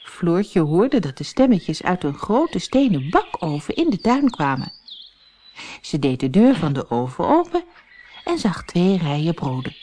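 A woman reads a fairy tale aloud for children, slowly and carefully. Her voice is fairly low but swings widely in pitch, bringing the story to life. The telling is clear and expressive. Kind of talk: scripted storybook narration.

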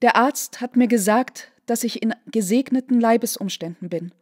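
Woman reader doing a young noble widow: earnest, pleading, a little high. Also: moderate pace, darkish tone, close to an everyday voice. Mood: desperate. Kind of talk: literary reading.

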